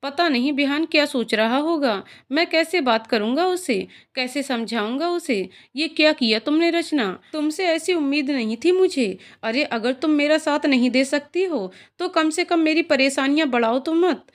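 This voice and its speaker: A woman voicing a young man who is worried about his friend and scolds his wife loudly. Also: high voice, animated, normal speed, few pauses. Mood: angry. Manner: loud, scolding.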